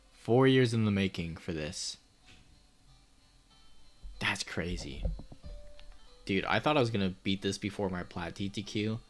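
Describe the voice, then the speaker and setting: Young guy commentating his game, hyped and cussing, kinda low voice, little game music under it. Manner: excitable, swears a lot, laughs often. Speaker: gaming YouTuber. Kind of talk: let's play commentary.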